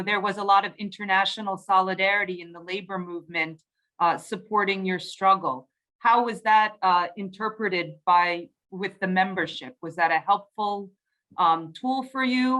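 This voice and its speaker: A woman's voice: medium pitch, sharp tone, poor audio. A woman interviewer putting questions in a conversational way.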